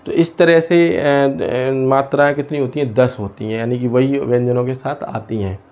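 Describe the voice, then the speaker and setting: A man teaching a lesson from India, pausing often and asking questions he then answers himself. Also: mid-range voice, fairly even intonation, a little mellow. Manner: asks and answers his own questions, many hesitations. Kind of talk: explaining a lesson.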